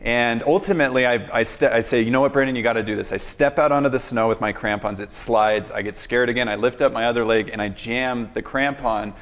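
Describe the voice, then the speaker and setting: A man's voice: medium pitch, fairly bright tone. Rambling male host in a reverberant room. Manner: rambling, fills pauses with "you know" and "uh". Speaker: podcast host interviewing a guest. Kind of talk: conversational interview storytelling.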